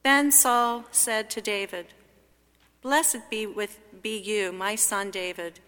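A woman reading scripture solemnly at a church service, with measured, deliberate phrasing, in a cathedral-like echo. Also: medium pitch, steady tone, pushed and bright, clean tone. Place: large reverberant church. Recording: cathedral-like echo, long reverb.

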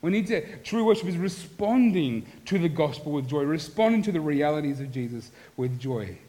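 A middle-aged man preaching a sermon as pastor, earnest, moving between animated and hushed passages. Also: fairly high pitch, normal speed, rough recording.

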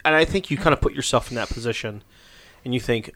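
A man in casual church conversation, speaking in a halting, heartfelt way with many restarts, at a studio mic. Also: mid-range voice, a bit bright. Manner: jokey, then emotional and halting. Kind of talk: casual church podcast chat.

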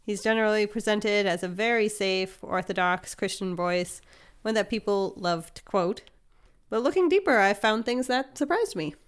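A woman's voice: medium pitch, animated, normal speed, clean tone. Upbeat woman hosting a podcast. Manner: explanatory, upbeat, often laughs. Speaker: podcast host. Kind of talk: casual chat.

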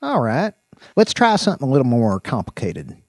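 A man's voice: mid-range voice, wildly swooping pitch, brisk, a little mellow, dry recording, clean studio sound, pitched above the performer's own voice. A man voicing an eager, casual young male dog trainer who talks in an upbeat, informal way. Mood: commanding.

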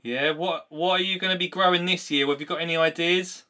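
A man's voice: fairly high pitch, steady tone, a little fast, bright, forceful tone. Matey man with an Essex accent. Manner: matey, informal. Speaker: live call-in show host. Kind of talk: casual unscripted chat with callers.

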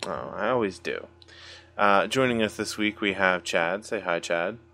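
Deep-voiced and measured, the American host of this casual podcast sounds pushed and bright. His introductions are playful and his questions loose, as if he's thinking aloud.

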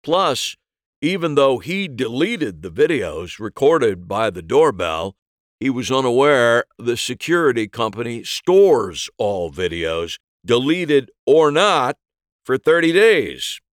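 A man voicing a terse, grudging homicide detective with deliberate official delivery in a mystery story. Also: medium pitch, sing-song, no echo, studio quality. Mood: firm, matter-of-fact.

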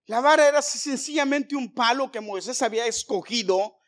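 A man's voice: very high-pitched, moderate pace, a bit bright. A middle-aged man preaching a sermon, telling stories with jokes and calling his listeners brothers. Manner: storytelling with jokes, addresses congregation as brothers.

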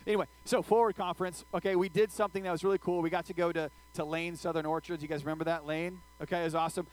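A man's voice: a little high, level tone, very fast, darkish tone, poor audio. A man giving a casual youth sermon, checking in with his listeners after nearly every sentence and telling funny stories about himself. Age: adult, older than his teen listeners. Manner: tells funny personal stories, acting out his own screaming. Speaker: youth pastor.

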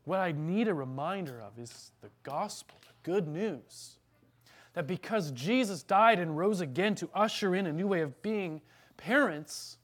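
A man preaching an earnest, emphatic sermon as pastor, then leading a prayer in church. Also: high voice.

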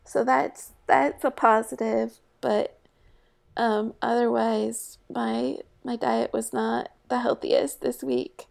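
A woman co-hosting a casual podcast chat, talking in a halting way and often restarting her sentences. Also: fairly high pitch, creaky. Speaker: podcast co-host.

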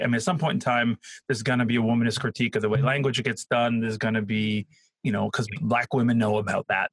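A man talking theology in a casual academic conversation, often hunting for names and words, animated and laughing at times. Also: medium pitch, husky, no echo, rough recording.

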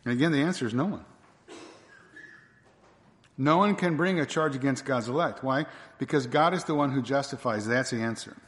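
A male preacher delivers a sermon in an emphatic style, hammering home rhetorical questions again and again. His voice sits at an ordinary middle pitch, and it rings out with the long reverb of a big church hall. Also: moderate pace, long pauses, a bit bright.

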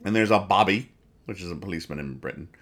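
A deep-voiced, expressive man, his tone a bit bright, hosts a relaxed comedy podcast reading newspaper comics aloud. He rambles and pauses as he describes the strips and solemnly explains their humor in jest.

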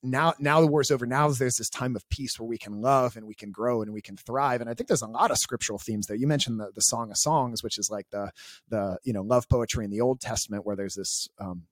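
Podcast host, man, mid-pitched, reflective, dry close mic. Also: a little fast, no echo. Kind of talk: casual chat.

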